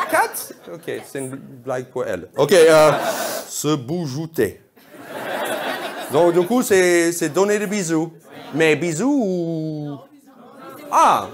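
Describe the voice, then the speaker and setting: High, lively man doing crowd work. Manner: playful, mock-bewildered questioning of the audience. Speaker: stand-up comedian. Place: theatre stage before a live audience. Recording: loud audience laughter in a theatre. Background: audience laughing.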